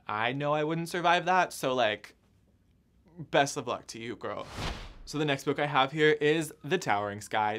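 A young man with a medium-pitched, fairly bright voice hosts a casual book haul vlog. He films alone indoors, staying chatty and upbeat while cracking self-mocking jokes.

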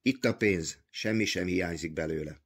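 A man voicing a proud, defiant ancient man who has repented, speaking calmly and firmly in an audiobook reading. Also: low voice, husky. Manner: calm, firm, stubborn.

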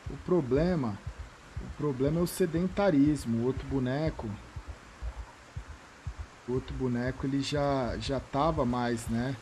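A man's voice: medium pitch, a little slow, pauses often, darkish tone, slight background noise. A man with a Brazilian Portuguese accent giving slangy live commentary while he plays, thinking aloud and repeating short phrases. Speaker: game streamer.

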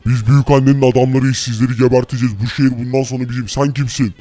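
A man's voice: mid-range voice, level tone, racing, dark tone, pitched below the performer's own voice, natural voice. Man doing a taunting villain's henchman. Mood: menacing. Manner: threatening, taunting. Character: menacing male henchman of a villainous grandmother.

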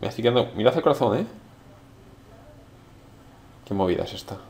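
An excitable man from talks through his own gameplay, throwing out quick exclamations. His pitch swings widely and brightly. Steady background noise and keyboard clicks sit under the voice. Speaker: gameplay commentator. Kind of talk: let's play commentary.

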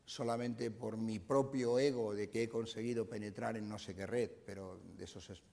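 A man's voice: lowish voice, steady tone, normal speed, vocal fry, dark tone. Older man lecturing in an echoing hall. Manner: explanatory, frequent "eh" fillers and restarts. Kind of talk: conference talk. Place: university lecture room.

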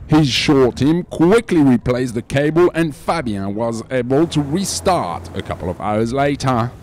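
A man narrates sailing news in a scripted voice-over, his pitch rising and falling a lot. His voice sits in the middle range, with a faint hiss of noise behind it. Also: animated, measured pace, a little mellow.

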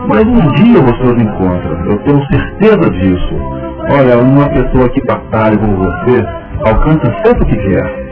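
A frank, encouraging cousin with a lively, rising and falling delivery. The sound is thin and narrow, like an old radio drama with music playing underneath. He speaks plainly and reassures. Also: medium pitch, moderate pace. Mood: warm. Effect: old radio drama recording. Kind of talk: 1980s radio soap acting.

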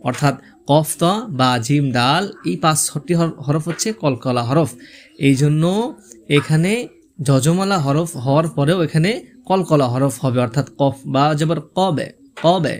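A man teaching Quran reading step by step, spelling out letters and vowel marks, then reciting the words slowly. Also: on the high side, darkish tone.

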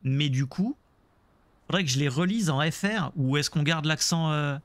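A man's voice: a little high, moderate pace, no echo. A man streaming a Let's Play, chatting casually about the game and joking with his viewers. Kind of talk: casual gameplay commentary.

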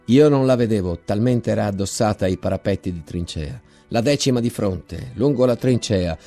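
A man giving an intense, measured dramatic reading of a literary text, repeating words for effect. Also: mid-range voice, mellow. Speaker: reader.

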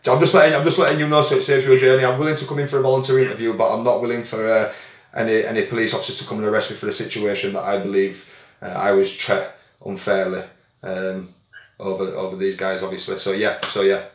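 This young man, a vlogger, is on an informal phone call with police from a small room at home that gives an echo. He speaks fast in a lowish, flat voice, hesitating, repeating phrases, and addressing people as "mate."

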